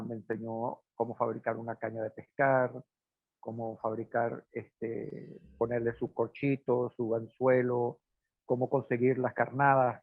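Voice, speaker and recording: A man's voice: medium pitch, no echo. A man from Portugal raised in Venezuela, telling a personal story in a hesitant conversational way with many fillers. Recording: dry, phone-like band.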